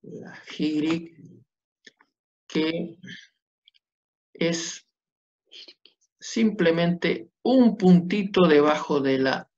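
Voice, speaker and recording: A man's voice: fairly high pitch, expressive, extremely slow, pauses often, a little mellow. A man teaching Biblical Hebrew in a class, patiently checking understanding with short tag questions. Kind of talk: classroom lecture at a whiteboard. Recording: dull lo-fi classroom recording.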